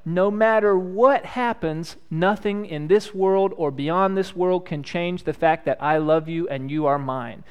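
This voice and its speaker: A man in his thirties, a pastor leading prayer and a children's message, speaking gently and asking the children simple questions. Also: high-pitched, a little slow, few pauses, smooth, muffled recording. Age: 30s. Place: church.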